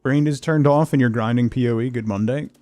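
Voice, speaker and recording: Over soft background music, a male streamer with a medium-pitched, mellow voice talks a little fast, with no room sound. He hosts a loose, rambling game livestream, chatting with viewers and reading chat and game text aloud.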